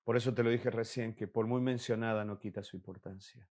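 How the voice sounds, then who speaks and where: A man's voice: lowish voice, fairly even intonation, a little fast, darkish tone. A man preaching a sermon as pastor, earnest and emphatic, repeating key words for weight. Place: church.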